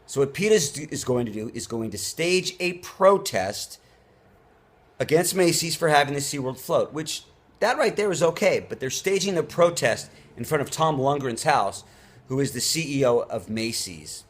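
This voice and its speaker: A man's voice: mid-range voice, expressive, moderate pace, husky. A man who hosts a show, delivering an off-the-cuff opinion rant in an emphatic, indignant way, leaning hard on key words. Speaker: show host.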